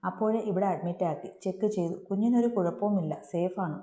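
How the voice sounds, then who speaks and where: A calm young woman friend, as a woman storyteller puts her on, speaking in gentle, reassuring phrases. The voice is warm and mellow, and the recording has a noticeable room echo. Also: medium pitch, a little fast, natural voice. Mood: soothing. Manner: soothing, reassuring. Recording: roomy echo.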